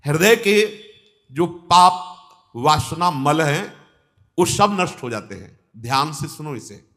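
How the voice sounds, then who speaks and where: Guy preaching a devotional talk, kinda high voice, pushes hard then quotes verses sing-song. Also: animated, takes it slowly, bright, forceful tone. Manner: exhorting, quotes scripture verses in a chanting cadence. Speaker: spiritual teacher. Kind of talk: devotional discourse.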